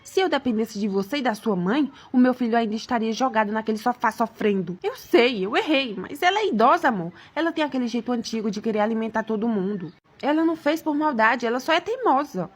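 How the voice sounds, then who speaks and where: A woman voicing a meek young husband who keeps pleading and trying to calm things down. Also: a little high, quick pace, husky. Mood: placating. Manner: pleading, placating.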